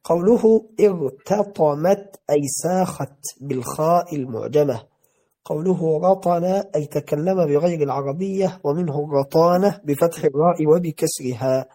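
Man, teacher, careful classical reading, fairly high voice, mellow tone. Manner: measured, careful reading with repeated words. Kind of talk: reading and explaining a classical text.

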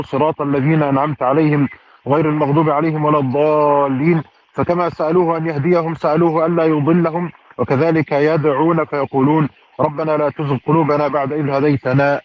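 Fast-reading man, muffled lo-fi sound. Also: on the high side, flat delivery. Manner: fluent formal reading with careful vowel endings. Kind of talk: reading a classical commentary aloud in a study circle.

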